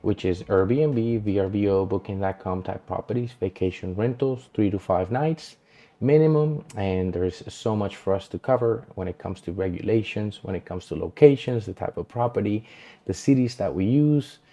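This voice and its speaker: A Colombian man with a lowish, mellow voice talks to the camera at a moderate pace, introducing himself as a real estate agent. He's easygoing and earnest, with a loose delivery full of fillers, filming a self-introduction vlog in a small, dim home studio lit with colored lights.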